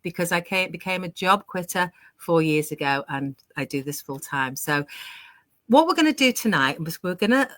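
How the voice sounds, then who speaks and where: An enthusiastic woman in her sixties hosts a live online discussion panel. Her voice is bright and a little low-pitched, and the sound is dry and close. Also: lively intonation, normal speed, no room sound. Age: 60s. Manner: enthusiastic, upbeat. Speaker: host.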